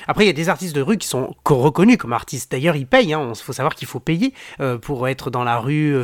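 A man with a fairly high voice hosts a podcast, rambling through casual chat with lots of fillers and restarts. The recording is studio quality, with no room sound.

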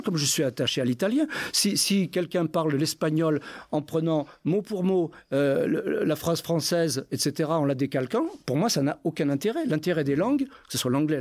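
A man's voice: on the high side, darkish tone. A man with an Auvergnat accent in a group discussion, often restarting and repeating words as he argues his view. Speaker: discussion participant.

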